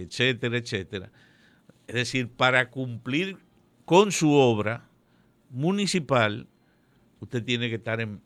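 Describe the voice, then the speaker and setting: A man giving political commentary on a radio show, measured and prone to correcting himself. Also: medium pitch, a bit bright, smooth, dry recording. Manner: measured, digressive, self-correcting.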